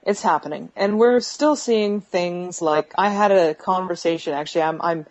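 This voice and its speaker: Woman interview guest, low voice, calling in from her bedroom over a breaking-up phone connection with dull lo-fi sound, hesitant with many fillers. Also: moderate pace. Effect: bad connection on a phone video call, breaking up. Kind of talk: answering questions in an interview. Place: bedroom at home. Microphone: video call app on a phone. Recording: lo-fi phone call audio.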